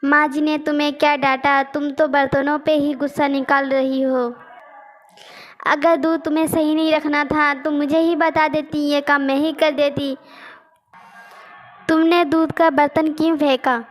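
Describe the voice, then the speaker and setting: A woman's voice: high-pitched, little pitch movement, measured pace. A woman voicing a young scheming daughter-in-law in a cartoon story, pleading and whiny. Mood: sly.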